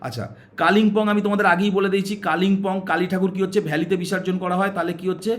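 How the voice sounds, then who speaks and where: Brief: male exam coach, West Bengal Bengali, brisk and high-pitched, quizzes the class and answers himself. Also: steady tone. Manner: asks questions and answers them himself, repeating "okay"; coaxing, uses story tricks to aid memory. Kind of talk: classroom-style exam prep lesson.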